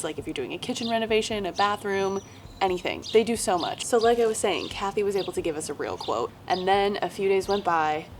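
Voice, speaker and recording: A young woman from talks about her home in a bubbly, chatty way. Her voice sits a little low for a woman, and a faint hiss runs under it. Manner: bubbly, chatty, laughs often. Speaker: vlogger. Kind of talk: casual home renovation vlog. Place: home kitchen.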